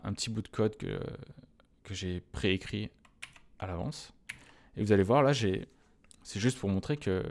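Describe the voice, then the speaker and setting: A man teaching a screencast coding lesson, talking in a relaxed, chatty way straight to his viewers and pausing often on "euh" fillers and restarts. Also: on the low side, vocal fry. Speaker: web developer teaching a coding tutorial.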